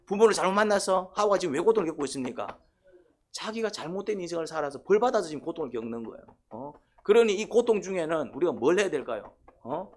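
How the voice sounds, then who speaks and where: A man's voice: high voice, very animated, quick pace. A man preaching a sermon, constantly prompting the congregation with questions and short "eh?" calls. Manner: quizzes the congregation, repeated "eh?" prompts. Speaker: pastor.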